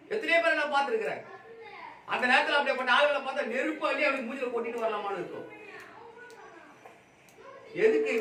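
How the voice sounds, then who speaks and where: A man preaches a Sunday sermon in a high, carrying voice, hammering the same phrases again and again. His delivery swings between loud raised exhortation and quiet, low stretches. He is picked up from a distance in an echoey hall with a faint hum behind him. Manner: emphatic preaching with repeated phrases. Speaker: pastor. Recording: echoey room, from far off, faint background noise.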